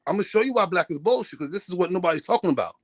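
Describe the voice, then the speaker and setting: A man's voice: high voice, expressive, rapid-fire, no room sound. A man in a heated debate, insistent and talking over the others.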